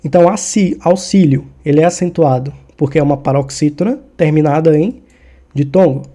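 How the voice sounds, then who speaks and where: A man's voice: on the high side, fairly quick, dark tone. A man teaching a Portuguese grammar lesson for exam preparation, explaining accent rules in a casual style and checking in with the listener after each point. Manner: informal, checks in often with the listener.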